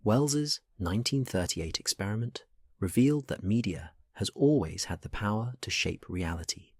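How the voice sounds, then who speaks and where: A man's voice: on the low side, lively intonation, normal speed, slightly rough, no room sound, clean studio sound. A man narrating a documentary in a dramatic, scripted style. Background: music.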